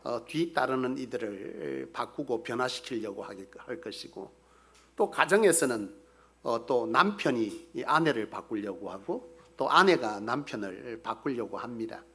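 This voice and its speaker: A man's voice: medium pitch, lively intonation, a little slow, a bit bright, breathy edge. A male pastor preaching a sermon. He questions the congregation and answers himself, and he acts out everyday scolding lines. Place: church sanctuary.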